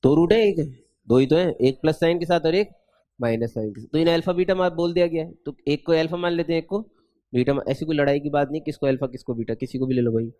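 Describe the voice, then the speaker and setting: In a chatty, playful classroom lecture, a man teaches math, quizzing students with rhetorical questions and drawing formulas out slowly. His voice sits on the high side and sounds mellow, with no echo.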